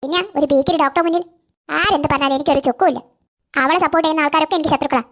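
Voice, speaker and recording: A woman's voice: high-pitched, fairly even intonation. A woman voicing a scheming, boastful stepmother in a cartoon, scornful in her talk. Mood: spiteful. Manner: boastful, scornful, rapid-fire. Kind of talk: cartoon voice acting.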